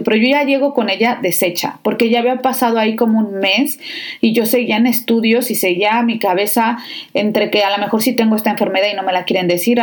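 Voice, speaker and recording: Casting note: young adult woman, podcast host, chatty and emotional storyteller, mid-range voice. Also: mid-range voice. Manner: chatty, emotional, addresses listeners directly. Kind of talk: personal storytelling.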